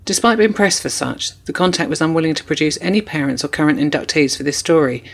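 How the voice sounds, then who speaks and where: Gravelly man narrating formal documentary. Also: a little high, fairly bright tone. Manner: measured, formal reporting. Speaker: narrator, correspondent.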